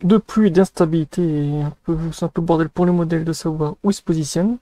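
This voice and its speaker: A man's voice: a little high, steady tone, fast talker, warm tone. A man giving casual, improvised weather commentary in an informal, slangy way as a news host.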